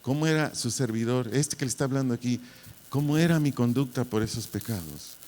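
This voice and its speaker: An impassioned male pastor with a Mexican accent preaches in a middle-pitched voice, throwing rhetorical questions at his congregation. His voice carries the long reverb of a church hall. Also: lively intonation, fairly quick, a little mellow, slight background noise. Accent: Mexican Spanish. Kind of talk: sermon.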